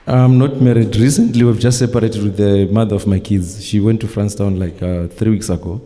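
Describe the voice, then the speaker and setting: A man's voice: lowish voice, steady tone, a little fast, mellow, a little hiss or hum. A man from Zimbabwe, answering a prophet with short, agreeable replies during a church service. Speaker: congregant receiving prophecy. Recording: church hall reverb with congregation.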